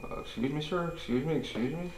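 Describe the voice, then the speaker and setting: A man's voice: on the high side, quick pace, a little mellow, recorded from a distance. A man in a casual paranormal investigation vlog indoors, putting questions to spirits. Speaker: ghost hunter in a group investigation. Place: indoors in a house. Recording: echoey room, off-mic, clear background noise.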